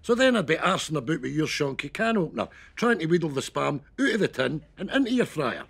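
Gravelly, wisecracking older Scotsman. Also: on the high side, big pitch swings, quick pace, a bit bright, full character voice. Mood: dry, teasing. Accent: broad Scottish. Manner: dry, teasing. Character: dry, wisecracking older Scottish man, unbothered pal. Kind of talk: sitcom dialogue.

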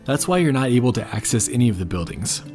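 A man in his thirties talks through a travel vlog in an upbeat, informative way, laughing easily as he goes. He films himself outdoors with the camera held out at arm's length, and soft music plays quietly behind him. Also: mid-range voice, sing-song, quick pace. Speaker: travel vlogger. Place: outdoors in the desert, on foot.

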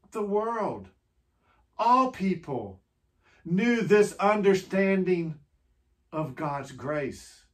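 A pastor leads a quiet Holy Week meditation at a strikingly slow pace, letting each short phrase hang before the next. The pitch rises and falls in lively swings as questions are put to the listener. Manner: gentle, unhurried, with many rhetorical questions to the listener; speaks in short phrases with long pauses.

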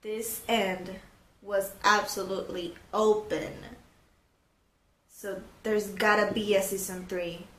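A woman's voice: mid-range voice, flat delivery, slow, a bit bright, roomy sound. A woman in her twenties giving casual, emotional reaction commentary with lots of exclamations. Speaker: reaction video host. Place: small bedroom, indoors.

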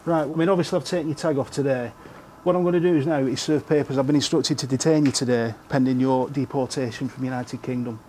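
A man working as an immigration officer, speaking calmly and procedurally in an office, with some fillers. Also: mid-range voice. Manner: brisk, calm and procedural, with fillers. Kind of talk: interview and on-duty talk. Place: office in a reporting centre. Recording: noisy location sound.

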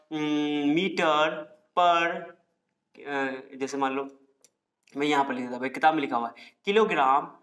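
Fairly high-voiced man teaching a science class. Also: a bit bright. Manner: repeats each point, asks the class questions and answers them himself.

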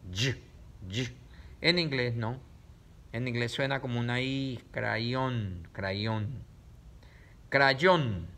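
A man giving a reading lesson to children, slowly sounding out words syllable by syllable and repeating them, recorded on a camera set up in front of him. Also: medium pitch, sharp tone.

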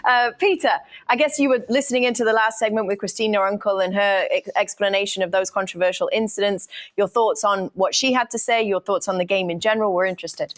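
A woman hosting a studio football show in a brisk, upbeat way. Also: medium pitch, fairly even intonation. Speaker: host.

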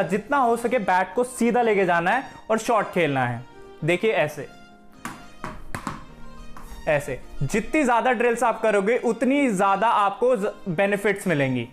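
A man's voice: high voice, animated, moderate pace, faint music behind. A young man from Haryana, giving a friendly cricket drill tutorial in a room at home, speaking to a camera across the room. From Haryana, India. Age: young adult. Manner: friendly instructive, addresses viewers as friends. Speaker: cricket coach.

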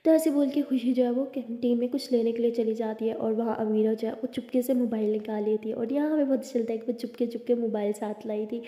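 A woman narrating a love story in a conversational, unhurried way. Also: a little high, fairly even intonation, warm tone. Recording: roomy, reverberant, dull lo-fi.

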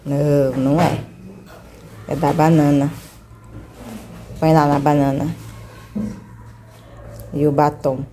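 A woman's voice: sits low, flat delivery, slow pace, long pauses, noisy background. A woman teacher guiding a child through a reading lesson, patiently coaxing and stretching out syllables. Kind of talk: one-on-one literacy lesson.

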